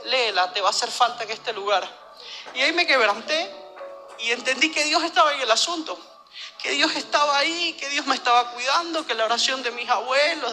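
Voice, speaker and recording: A man from Venezuela, giving a personal religious testimony in an earnest, halting way, often repeating words. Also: very high voice, pushed and bright, long reverb tail.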